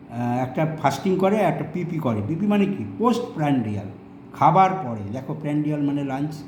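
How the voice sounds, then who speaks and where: A man teaching English vocabulary in a relaxed, unhurried way. He pauses on fillers and often checks whether his students are following. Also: a little high, reverberant, slight background noise. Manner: explains slowly, with many fillers and checks with the listener. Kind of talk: vocabulary lesson.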